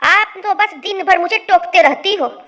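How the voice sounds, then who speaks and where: Woman as a defiant young bride, squeaky-high and petulant. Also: a little slow, pushed and bright, full character voice. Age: young adult. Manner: whiny, talks back.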